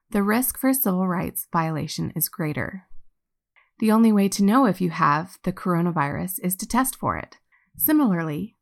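A woman giving a measured, informative scripted narration for a company. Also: mid-range voice, gravelly.

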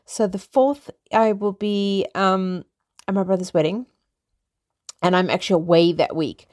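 A woman hosts an unedited solo podcast from her small flat. She chats in an upbeat, rambling way and circles back on her own words. Her voice sits at a middle pitch and sounds dry and close. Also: unhurried, no echo. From South Africa. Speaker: podcast host. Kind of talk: casual solo podcast chat.

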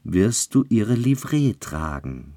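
A man's voice: fairly low pitch, very animated, slow, warm tone, dry recording, studio quality, exaggerated voice. A sinister, mocking devil, as a male narrator puts him on. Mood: menacing. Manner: laughing darkly, pronouncing a curse.

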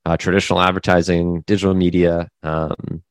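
A man in his thirties from the Midwest speaks with a very low voice, recorded close and dry. He talks casually as an interview guest, halting often with fillers and restarts. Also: little pitch movement, smooth, no echo. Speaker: guest business owner.

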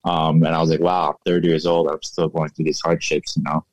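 Deep, flat-voiced man in his thirties. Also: fairly quick, no echo, low-quality recording. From United States. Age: 30s. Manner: relaxed, reflective, many fillers like "you know". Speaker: guest, fashion entrepreneur. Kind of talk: casual interview.

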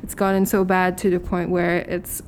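A woman's voice: fairly low pitch, completely flat delivery, darkish tone, slight background noise. Young woman from Hong Kong, candid. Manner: candid, quick storytelling with many fillers. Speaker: podcast guest. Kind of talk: casual interview chat.

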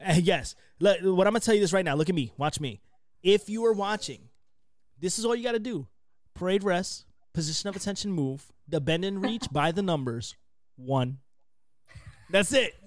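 A man in his late twenties with a fairly high voice, hosting a loose chat. He jokes and teases constantly and talks in an animated way. The sound is dry and close. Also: moderate pace, no echo. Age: 20s. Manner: joking, teasing, animated. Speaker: podcast host. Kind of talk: casual chat.

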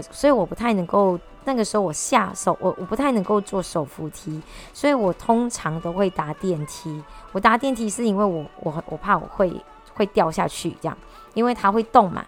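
Animated woman telling a story. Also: mid-range voice. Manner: animated, frequent restarts and repeated words. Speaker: vlogger. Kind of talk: casual storytelling to camera.

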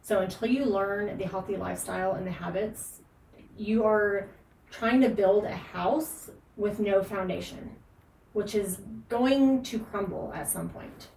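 A woman's voice: mid-range voice, measured pace, gravelly, darkish tone. Emphatic woman fitness coach, echoey room. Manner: emphatic, earnest, frequent fillers and laughs. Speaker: fitness and nutrition coach, podcast host. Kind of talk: casual podcast advice. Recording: echoey room, distant mic, faint noise.

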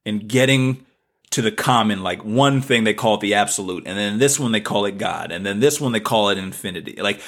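A man's voice: lowish voice, fairly quick, a bit bright. Southern male podcast host, loose spiritual monologue, rambles and repeats, searches for words mid-sentence.

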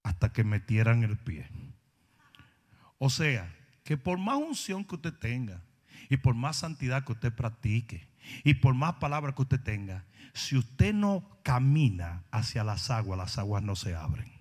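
A man preaching a sermon, animated storytelling that rises to shouting. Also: medium pitch, a little slow. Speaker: pastor. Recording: long hall reverb.

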